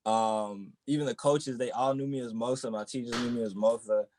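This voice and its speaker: A young man from the Boston area, a rapper in a relaxed interview, who keeps filling his talk with "you know what I'm saying.". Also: medium pitch, a little fast, dry recording. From Boston area, United States. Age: young adult. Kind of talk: casual interview chat.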